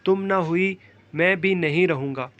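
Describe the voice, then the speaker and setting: A man's voice: sits high, a bit bright, muffled recording. Man reading as a lovesick young man. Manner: playful, devoted. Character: young man in love, sick and teasing.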